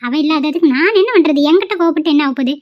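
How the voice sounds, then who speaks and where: A woman with a Kongu Tamil accent voicing a sharp-tongued, argumentative village housewife in a cartoon. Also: high voice, racing, no echo, close to an everyday voice. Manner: argumentative, retorting. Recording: dull lo-fi audio.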